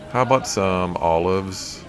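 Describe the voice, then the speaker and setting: A man's voice: low-pitched, measured pace, some chatter behind. A man narrating a food review vlog as a voice-over in a plain-spoken, itemizing way. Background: music.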